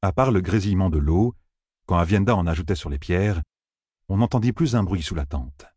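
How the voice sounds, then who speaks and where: A man narrating a fantasy novel in a measured, even reading. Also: low voice, slightly rough, no room sound, clean studio sound. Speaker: audiobook narrator.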